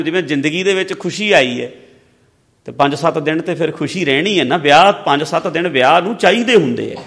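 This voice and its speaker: A man giving a sermon, mixing advice with personal stories, swinging between loud emphasis and soft low asides. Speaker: religious preacher. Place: large hall or stage. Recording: long hall reverb.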